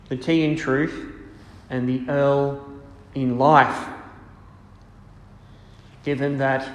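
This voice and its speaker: A man speaking as a priest, reading scripture and preaching in a solemn, measured way in an echoing church. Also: medium pitch. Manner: solemn, measured, deliberate phrasing. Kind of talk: liturgical reading and homily. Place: large reverberant church. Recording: echoey church with long cathedral-like reverb.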